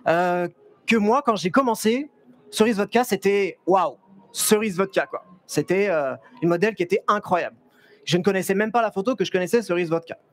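A young man, a photographer, giving a lively, chatty talk on a fair stage through a headset mic, with many restarts and small jokes to the audience. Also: high voice, fairly quick. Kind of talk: live stage presentation. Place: stage at a trade fair, large indoor hall.

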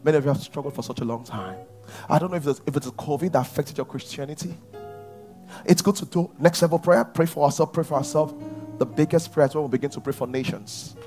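A man's voice: a little high, quick pace, faint music behind. Man preaching from a church stage. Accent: Nigerian English. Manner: energetic preaching, swings from shouting to near whispers. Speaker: pastor. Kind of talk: sermon. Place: large church stage with lighting rigs.

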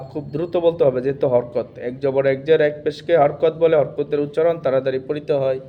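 A man at an ordinary middle pitch teaches a recorded Quran reading class. He drills letter sounds slowly and repeats each syllable several times. A faint noise sits behind his voice. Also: warm tone. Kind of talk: recorded tutorial lesson.

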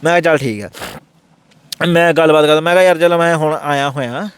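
A man rushes through his story as an interview guest, quoting everyone he talks about in earnest. His voice sits a little high and sounds clear and smooth, with words tumbling out quickly. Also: no room sound. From Punjab. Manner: rapid, earnest telling that acts out the others' words in quotes. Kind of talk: casual first-person storytelling.

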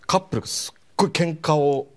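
A man's voice: a little high, quick pace. A man in his forties with a Kansai accent telling a comic anecdote on a talk show, bringing it to life. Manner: lively storytelling, acts out shouted quotes. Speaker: comedian telling a story.

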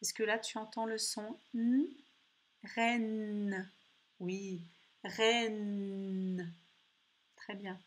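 A woman slowly giving a phonics lesson to children, saying words clearly and repeating them. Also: fairly high pitch, steady tone. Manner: slow, carefully articulated words with pauses. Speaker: teacher.

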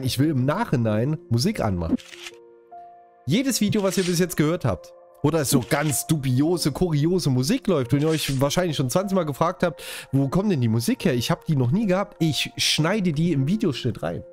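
Lively chatty German man from Saxony. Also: a little high, moderate pace, faint music behind. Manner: chatty, jokey, talks straight to viewers. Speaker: gaming YouTuber. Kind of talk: casual let's-play commentary.

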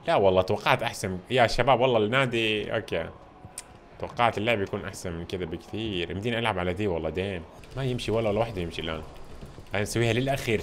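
An excitable man chatters through a video game, keeping up a running stream of remarks to his viewers. He talks at a racing pace in a voice of middling pitch. A faint background noise sits under the recording. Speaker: gamer playing a video game. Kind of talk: casual gameplay commentary.

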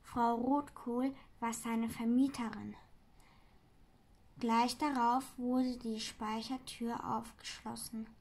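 A woman reading a children's book aloud, slowly and carefully. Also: fairly high pitch, fairly even intonation, a little mellow.

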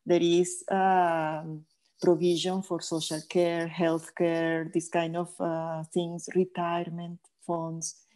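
Older woman, low mellow voice, video call. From Venezuela. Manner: measured, thoughtful, many filler pauses. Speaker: guest geophysicist. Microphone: earphone headset on video call.

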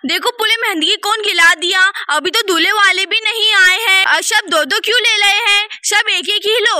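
A woman's voice: extremely high pitch, moderate pace, bright, forceful tone, dry recording, studio quality, exaggerated voice. A woman voicing a scolding, complaining grown woman doll in a doll play-acted story.

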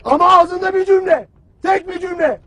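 A man's voice: very high-pitched, normal speed, fairly bright tone. An actor playing a stern army commander who barks harsh, taunting words at his soldiers in a film drama. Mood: grim lecture.

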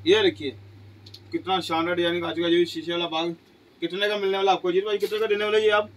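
A middle-aged man pitching goods in a small clothing shop, asking each price aloud and answering it with exclamations. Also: little pitch movement, fast, rough recording. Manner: repeats prices as questions, exclaims "wah ji wah". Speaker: shop seller. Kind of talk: sales pitch.

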